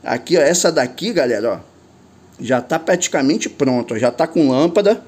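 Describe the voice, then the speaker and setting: An older man with a Carioca accent talks fast and loose in casual slang. His voice sits high for a man, and he often breaks into laughs as he calls out to viewers. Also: animated, a little mellow. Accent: Carioca Portuguese. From Rio de Janeiro, Brazil. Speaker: drone vlogger. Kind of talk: casual vlog narration.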